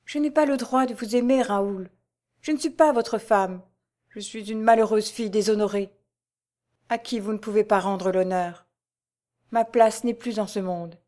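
A woman voicing a sorrowful, resigned young woman in an audiobook, speaking softly and mournfully. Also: medium pitch, fairly even intonation, normal speed, close to an everyday voice. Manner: soft, mournful. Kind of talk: audiobook character voice.

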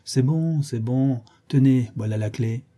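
A man's voice: mid-range voice, unhurried, dark tone, natural voice. A man voicing a gossipy, scheming old female concierge in a raised, chattering voice.

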